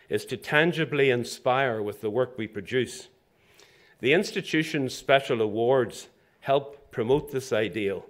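An older man from Zambia giving a formal inaugural address as president of a professional institution, speaking from a lectern in a lecture hall with measured delivery and dry asides. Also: medium pitch. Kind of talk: formal prepared speech.

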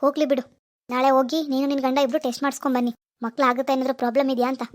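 A woman's voice: high-pitched, little pitch movement, rapid-fire, close to an everyday voice. A woman voicing a doting, scheming middle-aged mother in a cartoon, who coaxes her daughter in a conspiratorial way. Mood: advising. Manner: coaxing, conspiratorial. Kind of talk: cartoon voice acting.

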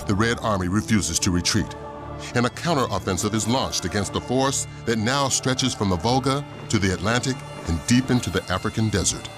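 A man's voice: on the low side, a little fast, lightly acted. A man delivering scripted, dramatic narration for the opening of a war game. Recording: music under the voice.

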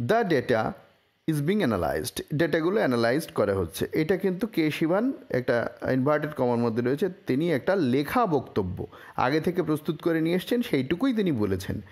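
Man, somewhat high voice, very animated pitch, teaching newspaper English, slow careful reading, self-correcting. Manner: slow, careful reading of English phrases, then explaining them; frequent fillers and self-corrections. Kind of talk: explaining a newspaper report line by line.

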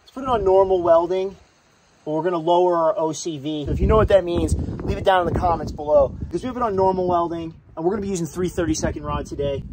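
A young man with a high voice talks through a welding job in a loose, easygoing way, dropping casual curses. He is recorded outdoors beside a trailer. A loud engine drones behind him. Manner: laid-back, swears casually, plugs gear. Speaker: mobile welder. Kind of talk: casual how-to narration. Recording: loud generator noise outdoors. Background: loud engine and work noise.

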